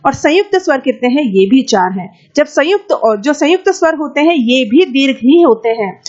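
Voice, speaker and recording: A woman teaching an exam-prep Sanskrit lesson, asking questions and answering them herself, sometimes drawing out vowel sounds slowly. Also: high-pitched, expressive, a little mellow. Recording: slightly dull, lo-fi audio.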